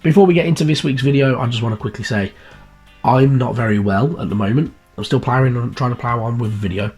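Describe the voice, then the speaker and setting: A man hosting a miniature painting channel chats casually about a magazine issue on video, croaky and bunged up with a heavy cold. His voice is medium-pitched, husky, and a little mellow, and he talks fast and rambles with lots of fillers and restarts. Guitar music plays in the background, picked up by a cheap mic.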